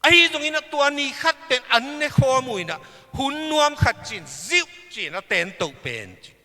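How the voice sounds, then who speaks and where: A man preaching a sermon at a church service, slow and emphatic, with big swings in pitch and loudness. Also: very animated, in a large hall.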